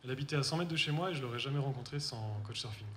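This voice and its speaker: On stage in an echoey hall with faint noise, a young Frenchman delivers a self-mocking, wry comic story about himself straight to the audience. His medium-pitched voice is a bit bright and comes out rapid-fire.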